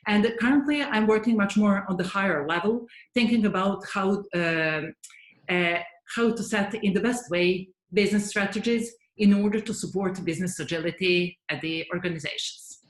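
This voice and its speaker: A woman's voice: medium pitch, normal speed. Serbian-accented woman in an echoey room. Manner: earnest, thoughtful, frequent hesitations. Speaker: guest, head of software development. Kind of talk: interview answers.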